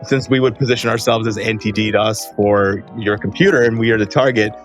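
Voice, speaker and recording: A man's voice: lowish voice, fairly even intonation, fairly quick, over music. A man talking casually as a podcast guest, chatty and loose, leaning on "like" fillers and laughing through his sentences. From Los Angeles, USA. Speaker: guest, company co-founder. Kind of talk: casual interview conversation.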